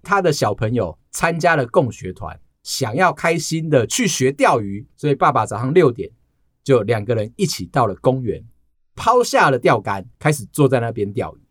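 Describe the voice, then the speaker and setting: Lively man telling stories. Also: mid-range voice, moderate pace, no room sound, clean studio sound. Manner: storytelling, animated. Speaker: podcast co-host. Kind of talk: casual chat.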